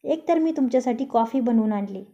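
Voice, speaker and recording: A woman storyteller voices a calm young wife who answers back with gentle, dry teasing. Her tone is mellow and slightly high. The sound is a bit muffled and lo-fi. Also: brisk. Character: young wife, patient, quietly witty.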